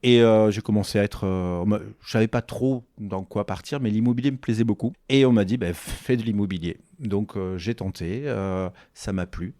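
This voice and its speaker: A real estate agency founder in his forties tells stories in a casual interview, chatty and repetitive, echoing his own phrases and acting out quoted dialogue. His fairly low, dark voice moves at normal speed with hardly any pauses, captured in clean studio quality with no room sound.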